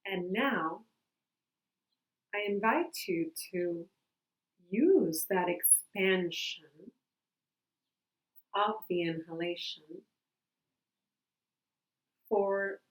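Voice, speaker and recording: A woman guides a calm grounding exercise in a gentle, unhurried way. She speaks very slowly and leaves long pauses between phrases. Her voice sits at a medium pitch and rings in a roomy, echoing space. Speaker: meditation guide.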